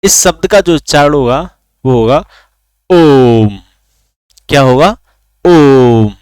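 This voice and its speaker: मुलायम साफ़ आवाज़ में पढ़ाता आदमी. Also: male voice, a little high, expressive, brisk, no echo, studio quality. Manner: asks questions then answers them himself; drags out vowels to demonstrate. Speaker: teacher. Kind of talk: recorded online lesson.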